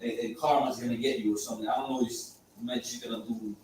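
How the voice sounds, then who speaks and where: A man tells an anecdote to the class in a halting way, with lots of fillers. His voice sits at a middle pitch. He sounds far off in a very echoey room with faint hum. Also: steady tone, darkish tone. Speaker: class member. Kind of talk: telling a personal story in class.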